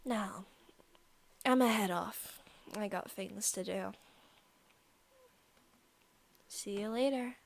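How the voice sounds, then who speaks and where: Playful and possessive, a woman takes her time in a creaky, mid-range voice as a sadistic young vampire. The soft-spoken ASMR roleplay stays teasing and casually menacing, now and then turning to whispers.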